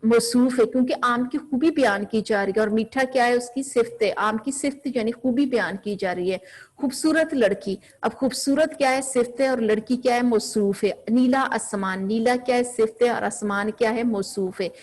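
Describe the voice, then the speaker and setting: A woman's voice: a little high, darkish tone. A woman teaching a grammar class, asking her students questions and then answering them herself.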